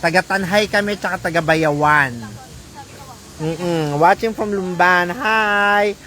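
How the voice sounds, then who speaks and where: Slow-talking Filipina vlogger greeting viewers. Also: female voice, lowish voice. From Philippines. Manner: chatty, reads out viewer names and shout-outs. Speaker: vlogger on a livestream. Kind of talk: casual livestream chat, greeting viewers by name. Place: outdoors on a beach island.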